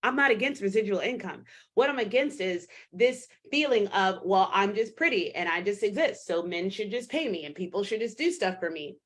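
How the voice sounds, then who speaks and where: A woman in her thirties talks through a solo episode of her coaching podcast. Her voice is middle-pitched, and she talks bluntly, swearing freely as she gives tough-love advice. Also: animated, normal speed, a bit bright. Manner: blunt, swears, acts out clients in a higher voice. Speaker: podcast host and fitness coach. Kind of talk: casual solo podcast monologue.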